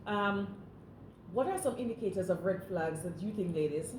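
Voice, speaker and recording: A woman's voice: mid-range voice, moderate pace. Woman co-host chatting in echoey room. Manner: animated, talks to viewers as guys. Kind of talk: casual chat. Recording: echoey room, faint noise.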